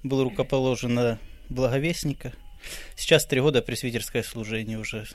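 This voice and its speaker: Man, late 20s, presbyter; brisk, factual. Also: medium pitch, fairly even intonation. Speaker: church presbyter. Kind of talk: brief self-introduction at a church gathering.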